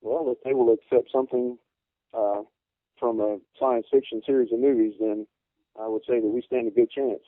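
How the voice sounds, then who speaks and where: A man in a conversational interview, speaking politely and haltingly in formal, measured phrasing. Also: mid-range voice, steady tone, dry recording. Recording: narrow phone-like radio sound.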